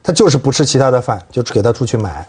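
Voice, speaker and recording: A fast-talking man with a dark, slightly rough voice. He comments casually in a panel conversation, blunt and ready to contradict or explain. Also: mid-range voice, animated. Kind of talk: casual discussion.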